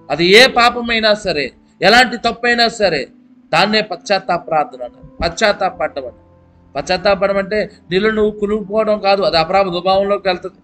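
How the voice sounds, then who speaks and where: Male pastor with a high voice, sermon delivery, alternates emphatic and hushed, quiet guitar bed. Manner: preaching, swings between loud emphatic peaks and low hushed pleading; asks the listener rhetorical questions. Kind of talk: Telugu sermon.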